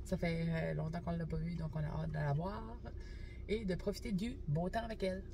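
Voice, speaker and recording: A woman's voice: on the low side, fairly even intonation, fairly quick, background noise. A woman in her forties with a Québécois French accent, chatting casually on a travel vlog and laughing easily. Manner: bubbly, squeals and laughs easily. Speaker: vlog co-host. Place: car interior, then backyard pool outdoors. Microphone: phone camera at arm's length.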